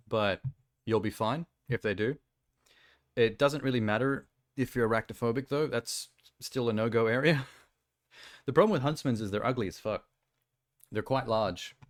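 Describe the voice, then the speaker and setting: An Australian man streaming casual reaction commentary, blunt and sweary, laughing easily. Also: mid-range voice.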